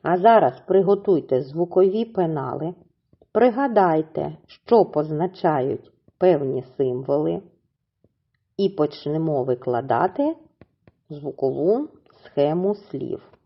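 Woman, primary school teacher, husky, lively pitch, encouraging, slow syllable-by-syllable reading. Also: dull audio. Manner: syllable-by-syllable drawn-out pronunciation, encouraging. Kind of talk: slow, clearly enunciated reading lesson for young children.

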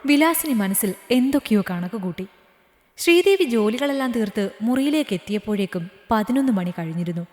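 A woman narrating a scripted story in a steady, measured reading voice. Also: a little high. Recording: echoey room with long reverb.

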